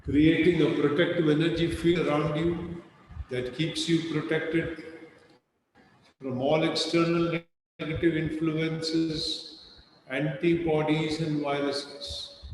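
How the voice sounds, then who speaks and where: A man teaching a yoga class over a video call through an external microphone that adds a strong echo, giving slow, calm instructions. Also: fairly high pitch, slight background noise.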